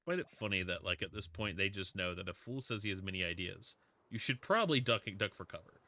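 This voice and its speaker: Greeting his live-stream chat warmly, this man makes self-deprecating jokes and chats casually as he plays a block-building game. His voice sits low, with lively intonation and a quick pace.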